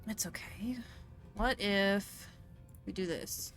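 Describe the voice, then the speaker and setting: Over music, a woman with a mid-range voice speaks slowly while playing a game. She's a gaming streamer giving casual let's-play commentary, walking through mechanics and dropping playful outbursts.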